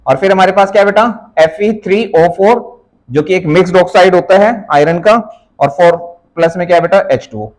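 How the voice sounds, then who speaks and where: A man's voice: high voice, a little fast, darkish tone, rough recording. A man teaching a chemistry class live, teasing his students and calling them by pet names while switching between languages. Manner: teasing, calls students beta, mixes English phrases.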